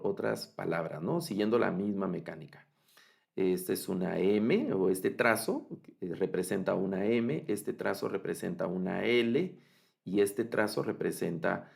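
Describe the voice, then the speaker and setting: A man's voice: low voice, creaky, darkish tone. A man teaching a Bible Hebrew master class, explaining step by step and often checking in with his students. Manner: explains step by step, frequent fillers and restarts, checks understanding. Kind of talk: online master class lecture.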